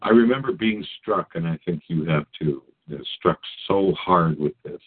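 A man's voice: sits low, lively intonation, normal speed, husky. A man hosting a podcast interview, giving short affirmations and then recalling his own experience in a reflective way. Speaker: podcast host. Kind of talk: casual interview chat. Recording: tinny phone-like line.

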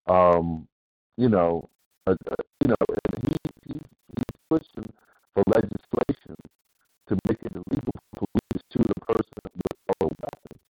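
A man hosting a casual call-in talk, speaking haltingly and repeating words while his call breaks up and drops out. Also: low-pitched, lively intonation, a little mellow, dry recording. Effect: call breaking up and dropping out. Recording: muffled, dry, breaking-up phone line.

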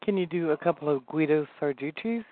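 A man's voice: a little high, brisk, no echo, phone-quality sound. A man hosting a casual chat, prompting his guest with teasing questions. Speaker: host.

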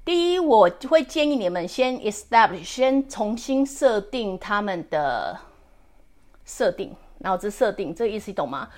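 A woman's voice: mid-range voice, big pitch swings, a little slow, a little mellow. A woman in her forties hosting a podcast, giving casual advice in a chatty way. She often checks in with the listener and drops English words into her speech. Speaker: podcast host.

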